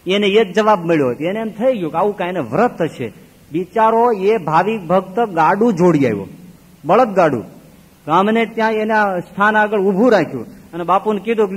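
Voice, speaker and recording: A man preaching a sermon as a swami, telling stories with animated swings between loud exclaims and low murmurs. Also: husky. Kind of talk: Gujarati sermon with storytelling. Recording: long reverb of a hall.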